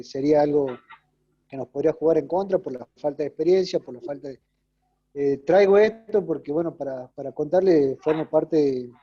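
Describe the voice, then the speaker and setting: Male student, hesitant questioner, dark tone, dull audio. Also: on the high side. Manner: hesitant, halting with many fillers. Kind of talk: question in an online class.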